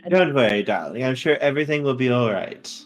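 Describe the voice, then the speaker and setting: A man's voice: medium pitch, animated, brisk, faint music behind, lightly acted. A man playing a suave, theatrical companion in a tabletop game, with an affected, coaxing manner. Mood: breezy, coaxing. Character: suave theatrical companion who calls everyone darling.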